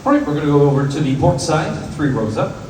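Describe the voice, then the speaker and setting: A man's voice: lively intonation, fast, darkish tone. An upbeat man hosting an audience question session as cruise director, projecting like an announcer. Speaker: event host, cruise director. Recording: roomy echoing hall, distant, faint rumbling noise.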